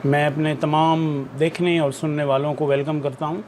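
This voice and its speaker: A man's voice: a little high, little pitch movement, normal speed, a little mellow, a little hiss or hum. A man teaching an English lesson, explaining carefully and repeating pronunciation drills. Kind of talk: recorded online lesson in Urdu-Hindi with English terms.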